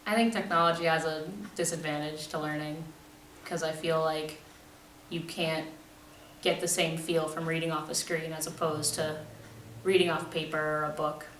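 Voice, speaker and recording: A nineteen-year-old woman, a college student, answering interview questions in a measured, plain-spoken way. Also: deep voice, level tone, fairly bright tone. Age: late teens. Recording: echoey room, distant mic, faint noise.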